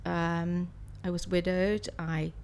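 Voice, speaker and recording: Her lowish, darkish voice is clear and resonant, with little pitch movement and a slow pace. She is in her sixties, from Swansea in South Wales, an art student and practising artist taking interview questions conversationally and a bit hesitantly.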